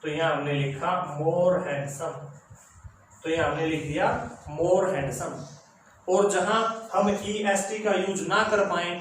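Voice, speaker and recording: A man teaches an English grammar lesson, explaining patiently and repeating key words for his students. His voice sits high for a man. The room rings with heavy echo over a faint background hiss. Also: fairly even intonation, slow.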